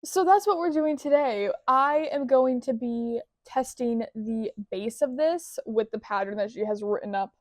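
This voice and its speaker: A woman's voice: fairly high pitch, a little slow, hardly any pauses, darkish tone, no echo. Bubbly young woman rambling about crochet. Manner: bubbly, rambling, self-deprecating humor. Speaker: crochet vlogger. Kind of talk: casual chatty vlog.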